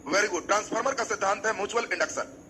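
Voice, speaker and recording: Bright high-voiced man teaching a class. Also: very fast, slight background noise, rough recording. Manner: repeats key terms and quizzes the class. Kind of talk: exam coaching lecture.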